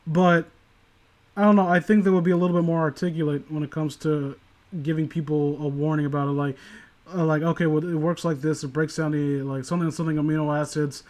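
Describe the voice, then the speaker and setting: On a casual story-reading livestream, a male host with a fairly high, slightly mellow voice and fairly even intonation offers critical commentary. He meanders and halts as he talks, and his loose language is sometimes profane.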